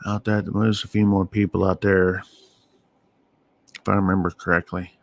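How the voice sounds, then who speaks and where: A man giving casual live weather radar commentary as an amateur streamer, thinking aloud in short, halting phrases. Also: low voice, little pitch movement, no echo. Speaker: amateur storm-watching livestream host.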